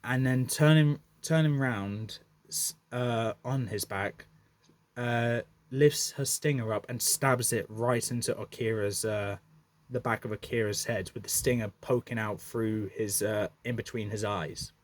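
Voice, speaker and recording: Slow, hesitant male storyteller. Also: mid-range voice. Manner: hesitant, frequent fillers and self-corrections. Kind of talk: unscripted story narration.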